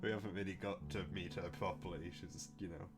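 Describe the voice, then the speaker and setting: A man's voice: low voice, fairly even intonation, over loud music. Man chuckling through a chat. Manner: halting, chuckles often. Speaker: let's play co-host. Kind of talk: casual chat.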